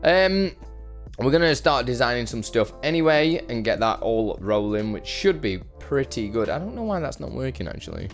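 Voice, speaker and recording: With faint music in the background, a man streams live from his brother's home in a mid-range, sing-song voice at moderate speed. He rambles casually, makes self-deprecating remarks, greets viewers by name, and responds to their questions.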